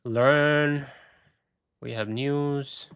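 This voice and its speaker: A man hosting a casual screen-share walkthrough, thinking aloud with halting restarts, and he is losing his voice. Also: medium pitch, fairly even intonation, fairly bright tone, clean tone, dry recording. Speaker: tech video host.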